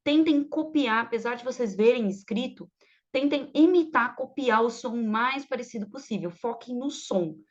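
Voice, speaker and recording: A woman's voice: a little high, normal speed, lo-fi sound. A woman teaching English online, patiently explaining and drilling phrases for students to repeat. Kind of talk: online language lesson.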